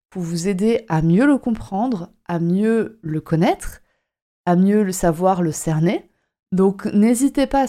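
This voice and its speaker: A woman's voice: mid-range voice, warm tone. A woman hosting her own podcast as a horse shiatsu practitioner, chatting casually and often repeating and rephrasing herself. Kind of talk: casual solo podcast talk.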